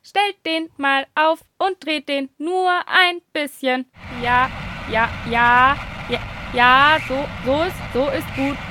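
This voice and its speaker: A woman's voice: sits high, slow pace, noisy background. A woman voicing a friendly, polite onboard computer in a children's audio story. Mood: guiding. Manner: polite, announces like a machine.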